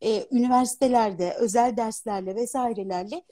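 A woman in her fifties, an opera singer and dubbing artist, talking as a guest in a casual live interview, animated and articulate. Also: a little high, a little fast. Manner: animated, articulate, laughs easily. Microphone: phone on a live video stream.

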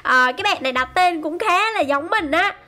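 A woman giving excited, chatty game commentary to her viewers. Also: very high voice, a little fast. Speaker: gaming YouTuber.

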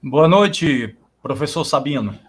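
A man's voice: a little high, lively intonation. A man joining a live stream remotely and debating the host earnestly, sometimes stumbling and repeating words. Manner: earnest, halting, repeats words when pressed.

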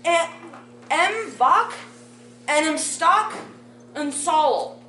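A Polish woman in her thirties, a bardic performer, reads a mock translation from a sheet to an audience in a community meeting room, delivering it deadpan in a faux-scholarly manner. Her voice is high-pitched and she draws out her words. A distant camera mic captures an echoey room with slight background noise.

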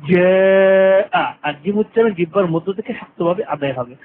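Expressive and high-voiced, this man leads slow, drawn-out tajweed recitation, going over rules and verses again and again with extremely elongated vowels. His lesson comes through a tinny, phone-like lo-fi recording with a faint hiss.

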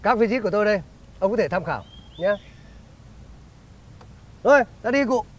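Comedy sketch: a bossy schemer, high-pitched and animated. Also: male voice, normal speed. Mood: smug. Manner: bossy, ends phrases with a teasing "nhá". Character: crafty, bossy male schemer who hogs money. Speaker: comic actor.

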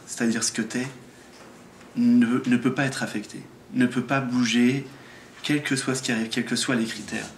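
An earnest man from France speaks with a French accent, leading a satsang talk on awakening. He often trips over and restarts his words as he explains. His voice sits in a roomy, echoing space with a faint hiss behind it. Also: mid-range voice. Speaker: spiritual teacher.

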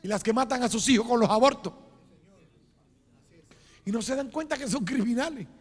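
A man preaching a fiery sermon as a pastor, dropping low and then shouting, often calling out to his listeners as brother. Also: normal speed, breathy edge. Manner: fiery, swings between low asides and shouted cries; calls listeners "hermano" again and again. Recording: long hall reverb.

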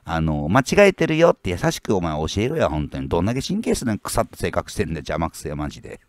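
A man's voice: sits low, huge pitch swings, quick pace, dry recording. A man, ranting casually as a fishing YouTuber and bluntly scolding his commenters, with many rambling fillers. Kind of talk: casual rant reading out viewer comments.

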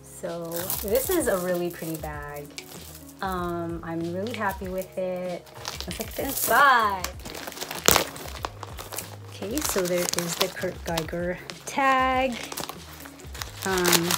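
Slow-paced woman unboxing vlogger, music behind. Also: fairly low pitch. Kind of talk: casual chat to camera. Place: small room indoors. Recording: music and crinkling packaging behind voice. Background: music, crinkling packaging.

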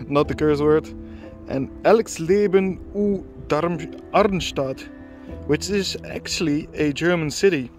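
A man giving excited casual commentary outdoors in a field as a metal detectorist, often whooping and laughing. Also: a little high.

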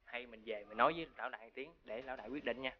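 An actor playing a wary henchman who mutters hushed advice. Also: medium pitch, racing, muffled recording, a crowd in the background, close to an everyday voice. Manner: hushed, confiding.

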